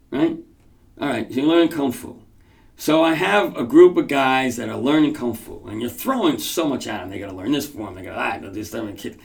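A man's voice: medium pitch, gravelly. A man teaching his martial arts students, talking emphatically and acting out quoted voices in bursts. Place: training school room.

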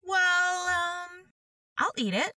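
A woman's voice: very high-pitched, expressive, extremely slow, sharp tone, no echo, studio quality, distant mic, voice pushed up, heavily acted. A woman voicing Alice, a curious, fretful little girl, in a storybook reading. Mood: musing.

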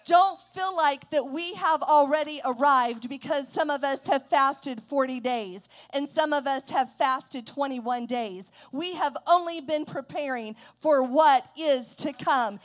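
A woman preacher delivering a sermon to a church congregation, declaiming slow emphatic lines that build to loud shouts. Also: sits high. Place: church service.

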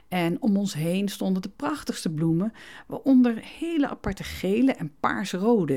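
A woman's voice: on the low side, a little mellow. A woman hosting a gardening podcast, telling a story in a casual, chatty way with frequent hesitations and restarts, recorded in a home studio. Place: home studio with cats around.

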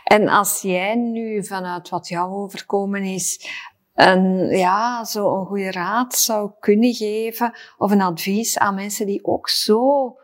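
A woman leads the interview in a mid-range voice. She asks gentle questions and affirms her guest with supportive remarks. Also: mid-range voice, steady tone, slow pace. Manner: affirming, supportive, with frequent short agreements.

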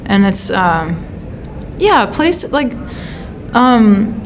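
A woman's voice: medium pitch, very animated, drawn-out words. An American woman from California answering as an interviewed songwriter, in a casual, thoughtful style with searching phrasing. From California, United States.

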